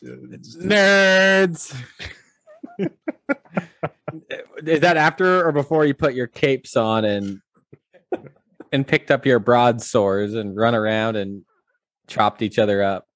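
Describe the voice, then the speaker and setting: A man's voice: medium pitch, slow pace, pauses often, no echo. A man chatting casually on a podcast, teasing his friends. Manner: teasing, laughing. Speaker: podcast co-host. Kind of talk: casual chat among friends.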